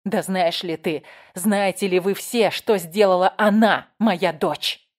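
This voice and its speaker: A woman reading an audiobook voices a cornered middle-aged woman whose frightened pleading turns to hissing rage. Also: slow pace. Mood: savage confession. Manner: shrill, panicked pleading turning to hissing rage. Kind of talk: audiobook character voice.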